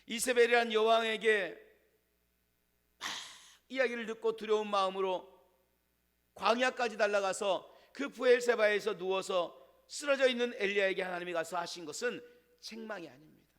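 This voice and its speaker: Male pastor with a high voice, preaching warmly with stories and sudden hushes; long church reverb. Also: normal speed, smooth. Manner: storytelling with a quiet, hushed delivery for God's words. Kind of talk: sermon. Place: church sanctuary.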